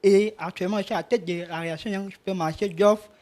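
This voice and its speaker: A man, a trainee in a speaking workshop, reciting a self-introduction loudly and carefully. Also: high-pitched, fairly even intonation, fast.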